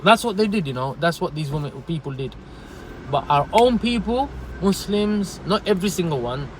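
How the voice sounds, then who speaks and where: A man, a delivery driver, giving earnest, repetitive advice and animated stories in a casual livestream. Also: high voice, normal speed, a little hiss or hum, low-quality recording.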